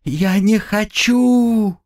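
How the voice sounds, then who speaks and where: A man's voice: high-pitched, drawn-out words, a little mellow, voice pushed up, heavily acted. A man voicing a frightened young female student who pleads and cries out in desperation. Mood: pleading.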